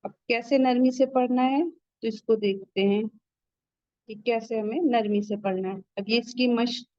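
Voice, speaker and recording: A woman's voice: fairly high pitch, a little mellow, no echo, highs cut off. A woman teaching a Tajweed lesson. She speaks patiently, repeats each point, and models sounds syllable by syllable. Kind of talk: online Quran recitation lesson.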